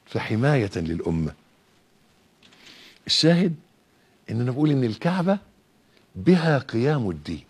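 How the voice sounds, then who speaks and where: A man preaching a sermon in an Egyptian Arabic accent, swinging from hushed, grave lines to rising, emphatic appeals. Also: mid-range voice, sing-song, moderate pace, pauses often, slightly rough.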